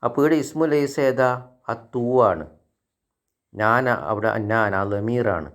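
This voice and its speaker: A man from India, giving an Arabic grammar lesson. He speaks slowly through example sentences and asks his learners questions. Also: fairly low pitch, expressive, a bit bright. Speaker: Arabic teacher.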